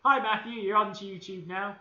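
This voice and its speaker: Leading children through a live baking session with I Spy, a Welsh host speaks at normal speed with fairly even intonation, though his high voice is very bright and tense. He comes across upbeat and playful, and the home-kitchen stream sounds echoey, dull and lo-fi.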